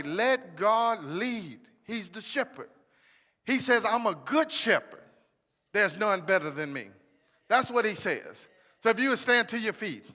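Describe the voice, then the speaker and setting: A man's voice: high-pitched, pushed and bright, long reverb tail. A man preaching a sermon, emphatic and repetitive, asking questions and answering them himself. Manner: emphatic, repetitive call-and-response.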